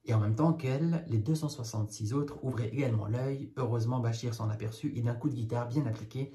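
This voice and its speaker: A man's voice: medium pitch, fast talker, mellow. A man reading a children's tale aloud, breaking off now and then for casual, wry commentary. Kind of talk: read-aloud with jokey spoken asides.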